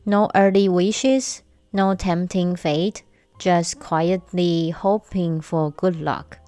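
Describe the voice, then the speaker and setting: On a casual solo podcast, a Taiwanese woman host speaks in a low, warm, smooth voice. She tells her stories at a slow, measured pace, adding touches of light humor, and the recording has no room sound.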